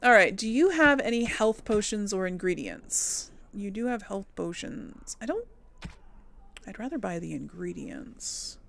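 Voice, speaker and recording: Here a woman with a medium-pitched voice and vocal fry hosts a game playthrough series. She offers laid-back let's play commentary, talking to her viewers and musing aloud.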